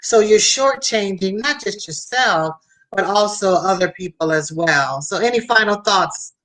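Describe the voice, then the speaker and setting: A woman's voice: medium pitch, lively intonation, measured pace, fairly bright tone, poor audio. Emphatic woman hosting a talk show. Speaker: host. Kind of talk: conversational motivational talk show.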